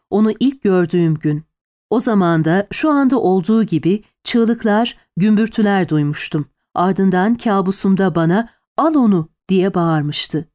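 Female audiobook narrator, mid-pitched voice, measured storytelling delivery. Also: mellow. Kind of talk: scripted narration.

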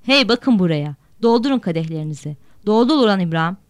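A woman voicing a drunken, rowdy woman at a party, shouting crude insults in a slurred voice. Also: medium pitch, lively intonation, quick pace, no room sound, lightly acted.

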